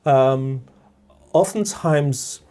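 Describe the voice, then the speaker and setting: This podcast guest, a middle-aged man from Guyana, speaks with a mellow, medium-pitched voice. His reflective talk is measured and repetitive, and he keeps asking "all right?" to check in.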